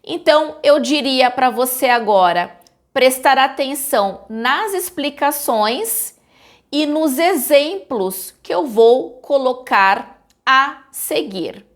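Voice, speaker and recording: On her channel, a Brazilian woman with a Brazilian Portuguese accent explains the meanings of a common verb, narrating from a script slowly and with clear articulation. Her voice sits high and is expressive.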